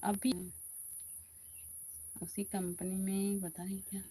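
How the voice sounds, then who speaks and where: Slow, mellow-voiced woman chatting on a live stream. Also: medium pitch, flat delivery, slight background noise. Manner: chatty, reads out and answers viewer comments. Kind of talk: casual live-stream chat. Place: quiet back room of a house.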